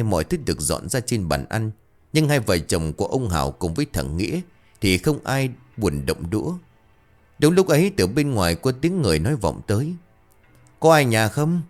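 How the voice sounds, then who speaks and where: A man telling a scripted horror story in a dramatic, expressive narration. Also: fairly low pitch.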